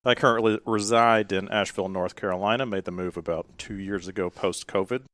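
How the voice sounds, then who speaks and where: Deep-voiced man from Memphis, measured. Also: fairly even intonation, fairly bright tone, no room sound. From Memphis, Tennessee. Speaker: interview guest. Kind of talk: professional interview talk.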